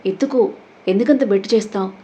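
A woman's voice: mid-range voice, fast talker, warm tone, muffled recording, natural voice. A woman voicing a tipsy, pouty young woman in love, talking in a cute innocent way.

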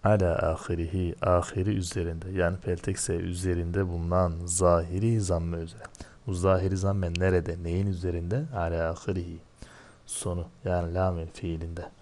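A man teaching Arabic grammar, asking and answering his own questions, slowing down over each term. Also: low-pitched, level tone, a little mellow. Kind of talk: grammar lesson, explaining line by line.

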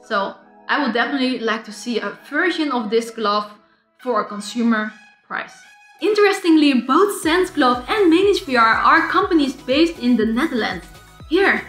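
A woman's voice: sits high, fairly bright tone, reverberant. A woman hosting a vlog, chatting casually to camera with fillers and restarts. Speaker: vlog host.

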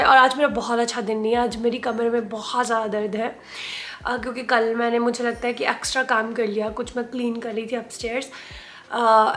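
A woman's voice: fairly high pitch, a bit bright. A woman in her thirties chatting casually through a home cooking vlog, mixing in English words as she works in her kitchen. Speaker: cooking vlogger. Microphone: camera across the kitchen. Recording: echoey kitchen room.

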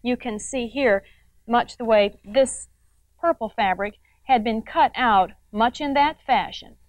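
A woman's voice: a little high, a little slow, no echo, lo-fi sound. A middle-aged woman hosting a quilting show, demonstrating step by step in a chatty way with frequent tag questions to the viewer. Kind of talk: instructional TV demonstration.

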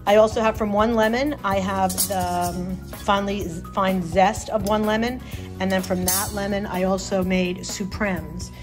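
Explaining a recipe one step at a time, a middle-aged cooking show host gives a casual demo in her home kitchen indoors. Her voice sits at medium pitch with fairly even intonation and normal speed, while music and sizzling from frying fill the background.

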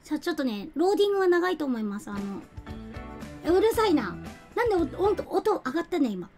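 Young woman streamer, high voice, giggly and chatty, light lilt, faint music behind. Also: sing-song, fast, a little mellow. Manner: chatty, giggly, reads out and thanks viewers. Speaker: game streamer. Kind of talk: casual live-stream chat.

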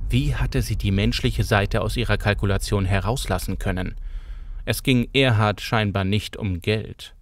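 Low-voiced man narrating an audiobook. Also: normal speed.

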